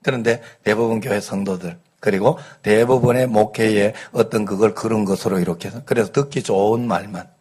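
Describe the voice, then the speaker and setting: A middle-aged pastor with a light Gyeongsang accent, preaching a conversational Sunday sermon, telling folksy stories and asking the congregation rhetorical questions. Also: male voice, fairly low pitch, fairly even intonation, fairly quick, hardly any pauses, darkish tone, breathy edge. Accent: light Gyeongsang dialect. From Gyeongsang region, South Korea.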